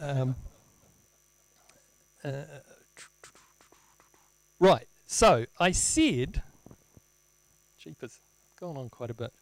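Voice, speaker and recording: A man presenting an informal live technical demo, halting as he thinks aloud, with wry, self-deprecating humour. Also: fairly high pitch, animated, no echo, poor audio. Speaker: presenter at a tech meetup. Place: indoor lecture room, presenting at a screen. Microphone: handheld microphone.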